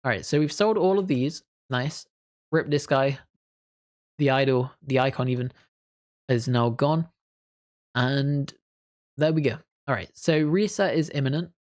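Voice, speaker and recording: Male gaming commentator: casual, thinks aloud, low-key reactions. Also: unhurried, long pauses. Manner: chatty, thinks aloud while playing; mild, understated reactions. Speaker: gaming video creator.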